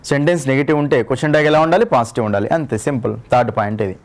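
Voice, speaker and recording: Man, Telugu accent, exam-prep grammar teacher, quick delivery, repeats rules. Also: mid-range voice. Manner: repeats each rule and asks the class to confirm. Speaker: English teacher.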